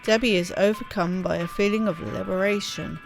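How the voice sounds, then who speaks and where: A woman reads a game's story text aloud a little fast, her mid-range voice steady in tone and creaky. She hosts a let's play, reading expressively and adding spontaneous offhand remarks, with game music behind her.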